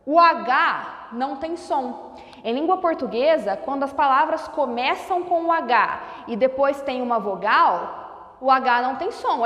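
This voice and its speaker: High-voiced woman teacher, slow and deliberate. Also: a bit bright. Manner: slow, deliberate over-enunciation of sounds. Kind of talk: whiteboard phonetics lesson. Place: classroom with a whiteboard. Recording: echoey room with long reverb.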